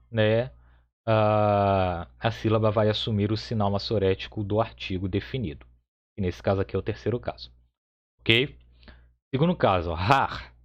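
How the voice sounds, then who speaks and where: A man teaching a Hebrew grammar lesson, explaining step by step in a patient way and often checking with the listener. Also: on the low side. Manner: patient, repeats points with frequent "tá?" checks. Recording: slightly dull lo-fi audio.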